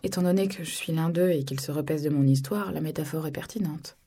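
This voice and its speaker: A woman's voice: low voice, fast talker, warm tone, breathy edge. A woman narrating an audiobook in the first person, blunt and crude in tone.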